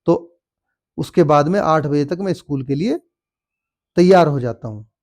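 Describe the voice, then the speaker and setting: A young man tutoring a school English lesson, reading each English line slowly and then explaining it. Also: on the high side, darkish tone.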